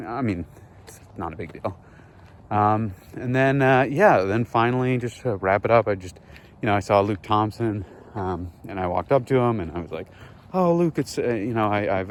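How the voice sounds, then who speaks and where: Deep-voiced man rambling dryly. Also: slight background noise. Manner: rambling, many fillers, dry. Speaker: vlogger. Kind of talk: deadpan satirical vlog. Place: outdoors, walking a neighborhood.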